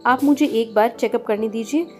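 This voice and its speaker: A woman's voice: on the high side, moderate pace, natural voice. A woman voicing a polite, earnest young daughter-in-law who studies to be a doctor. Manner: respectful, soft-spoken. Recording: faint music behind.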